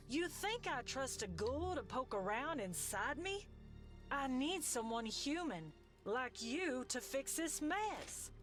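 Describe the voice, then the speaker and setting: An actress playing an indignant, prejudiced veteran in a video game, haughty, scornful and demanding. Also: female voice, sits high, fairly bright tone, full character voice.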